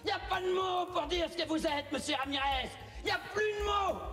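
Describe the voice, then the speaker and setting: An outraged, domineering fellow in a French comedy film. He barks very high and sharp, half shouting, over faint music and crowd. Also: fairly quick. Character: outraged, domineering man barking insults and orders.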